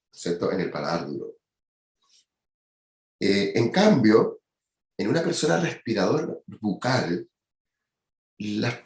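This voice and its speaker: A man's voice: mid-range voice, reverberant. A man giving a university anatomy lecture, checking in with his students again and again. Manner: explanatory, peppers speech with "¿ya?" and "¿cierto?".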